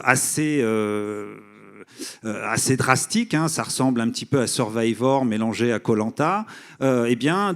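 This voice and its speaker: A man with a medium-pitched voice moderates a literary talk. He presents and asks in long, hesitant sentences, often pausing to find the next phrase. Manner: hesitant, drawn-out phrasing with many pauses. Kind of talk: book presentation and interview questions.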